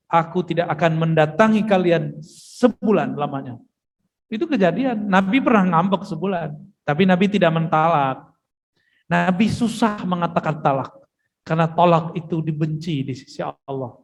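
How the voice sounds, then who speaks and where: High-voiced man preaching in a mosque hall. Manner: casual, joking asides to the audience. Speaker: preacher giving a mosque study session. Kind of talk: religious lecture with storytelling.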